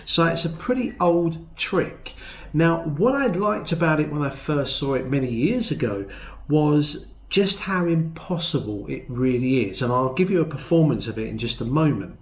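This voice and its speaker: A middle-aged or older man presenting a magic demonstration in a measured, step-by-step explaining way. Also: fairly high pitch, lively intonation. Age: 50s or older. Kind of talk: explaining and demonstrating a close-up magic trick to viewers. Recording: roomy, echoey indoor sound.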